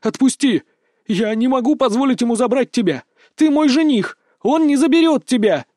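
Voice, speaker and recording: A man voicing a stubborn young woman, a bull's daughter, who shouts defiantly through tears. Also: very high-pitched, expressive, moderate pace, no echo, studio quality, voice pushed up. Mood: desperate, shouting. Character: fierce stubborn young bull-girl fiancée.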